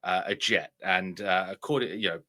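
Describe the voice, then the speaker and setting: Low, bright-voiced man giving casual commentary. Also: fairly even intonation, moderate pace. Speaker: video host.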